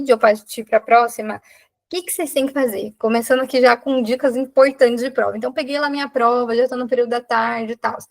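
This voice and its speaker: Woman tutor with a Brazilian accent and vocal fry. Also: sits high. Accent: Brazilian Portuguese. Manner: explanatory, asks the class rhetorical questions. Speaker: exam prep tutor, doctor. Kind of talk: live exam prep lesson.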